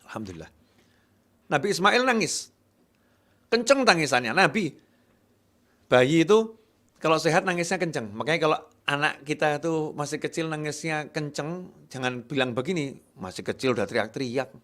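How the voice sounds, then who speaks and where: A man preaching a sermon in a lively way, acting out worried voices and swinging between loud outbursts and quiet asides. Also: a little high, normal speed, long pauses. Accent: Indonesian.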